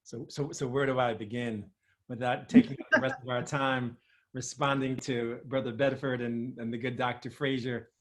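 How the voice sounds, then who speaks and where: A man's voice: medium pitch, expressive, moderate pace, fairly bright tone. A man speaks on a video call from his home as an interview guest. He is courteous and generous with praise for his hosts, in a conversational tone.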